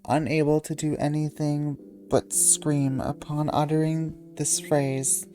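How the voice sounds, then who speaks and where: A sleepy, yawning woman hosting a channel, reading wiki entries aloud in a halting way and stumbling over words. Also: low-pitched, level tone, mellow, faint music behind.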